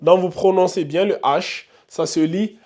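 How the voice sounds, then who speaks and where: Patient teacher, higher-pitched man. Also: fairly even intonation, measured pace, darkish tone. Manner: repetitive, patient, thinks aloud with fillers. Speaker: Arabic and Quran reading teacher. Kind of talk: online lesson, writing on a board while explaining.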